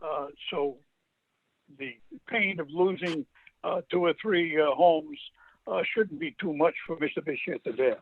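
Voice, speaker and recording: A man speaking at a public meeting over a group call line that breaks up, with halting speech and many filler pauses. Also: on the high side. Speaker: board member at a public meeting. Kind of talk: remote meeting discussion. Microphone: computer or phone on a group call. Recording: tinny, dry call audio.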